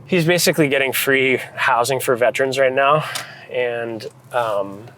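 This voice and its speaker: Speaking a little slowly in a medium pitch with a fairly bright tone, an American man from New England reflects casually and thoughtfully while being interviewed as a photographer and director. His speech is informal. The rough recording carries slight background noise.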